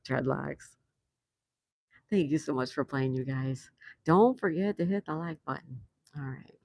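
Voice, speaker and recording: With an extremely low, gravelly, darkish voice, an older woman from New York takes her time, leaving long pauses. She is hosting a casual patio livestream, reading out viewers' messages and laughing often. There's no echo on the recording.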